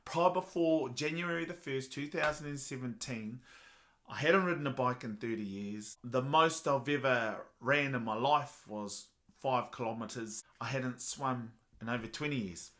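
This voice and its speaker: A man's voice: medium pitch, moderate pace, fairly bright tone. A man with a Māori New Zealand accent talking earnestly and motivationally to viewers in a personal vlog. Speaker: vlogger.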